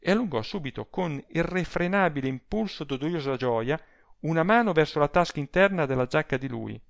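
A man narrating a story in a calm, even audiobook reading. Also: on the high side, brisk, creaky, no room sound.

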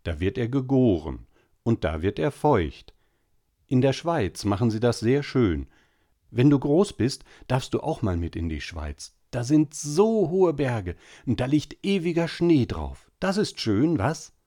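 A man voicing an impatient, gruff middle-aged father in an audiobook story. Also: medium pitch, very animated, unhurried, warm tone, voice pushed up. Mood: stern. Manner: gruff, curt, lecturing.

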